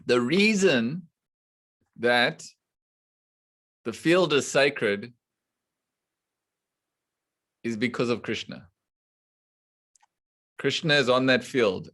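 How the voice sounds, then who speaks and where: A man teaching a scripture class to students online, explaining slowly and deliberately and putting questions to the class. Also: mid-range voice, fairly bright tone. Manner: slow and deliberate, quizzing the class. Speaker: spiritual teacher.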